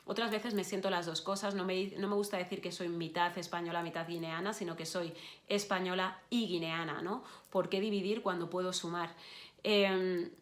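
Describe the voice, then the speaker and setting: Low-voiced woman. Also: steady tone, normal speed. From Spain. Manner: encouraging, addresses listeners directly, frequent restarts and fillers. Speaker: journalist giving an online course session. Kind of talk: online course talk to students.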